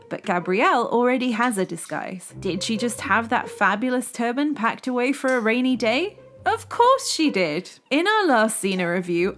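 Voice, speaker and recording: Wry woman reviewing a TV show. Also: on the high side. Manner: wry, sarcastic, playful. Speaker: host reviewing a TV series. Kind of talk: scripted review narration.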